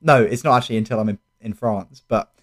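A man's voice: fairly low pitch, fast talker. Young South London man, casual podcast chat. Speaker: podcast co-host.

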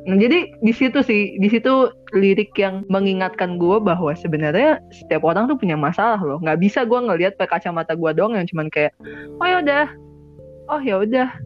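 A woman's voice: mid-range voice, a little fast. A young woman with a Jakarta accent chatting casually as a podcast co-host, acting out her own thoughts. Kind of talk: casual chat. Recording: slightly dull lo-fi sound with faint music.

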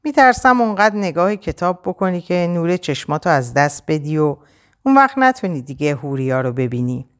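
A woman's voice: low-pitched, very animated. A woman voicing a cheeky young man who teases his brother in a playful, mocking way. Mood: teasing.

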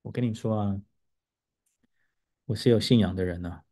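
A man hosting a casual podcast as an English teacher, telling a classroom story and sounding out English words to show intonation. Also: moderate pace. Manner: animated storytelling, pitch rising as he gets excited; demonstrates English word intonation aloud.

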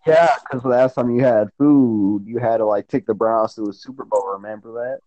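A young man at a home mic, joking and ribbing his friend in quick, playful jabs. He sounds dry and close, with an everyday mid pitch. It is loose chat between friends. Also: mellow, dry recording, highs cut off. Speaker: podcast co-host. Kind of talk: casual chat among friends on a call.

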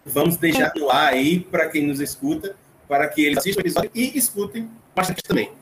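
A man's voice: fairly high pitch, lively intonation, brisk, fairly bright tone. A man hosting a casual podcast, chatty and joking as he recaps a cooking show. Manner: chatty, recaps with jokes and asides. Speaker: podcast host. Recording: roomy echo, faint noise.

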